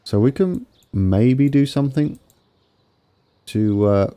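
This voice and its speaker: A man's voice: mid-range voice, lively intonation, slow, warm tone, clear, resonant tone. A man with a wheezy, congested voice giving casual commentary on a game build, tentatively thinking aloud as he goes. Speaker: gaming video host.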